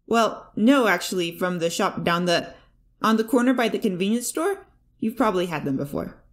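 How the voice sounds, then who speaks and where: A woman voicing a nervous, earnest young male hero in a fanfic audiobook, speaking hesitantly and politely, a bit above her own pitch. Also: animated, moderate pace, natural voice.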